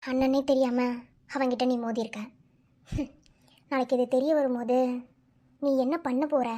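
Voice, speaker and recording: A woman's voice: sits high, steady tone, moderate pace, mellow, voice pushed down. A woman voicing a stern young man in a cartoon who bluntly lectures his drunk friend.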